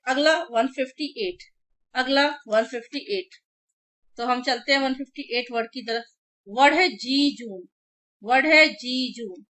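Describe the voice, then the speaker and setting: Bright-voiced Indian woman teaching vocabulary. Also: on the high side. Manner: drills words by repetition with memory tricks. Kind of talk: online exam-prep lesson.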